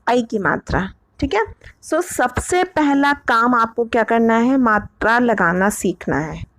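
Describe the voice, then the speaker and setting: High-voiced woman teaching step by step. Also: a bit bright, no echo. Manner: slow, repetitive, checks with "okay?". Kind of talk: explaining to parents.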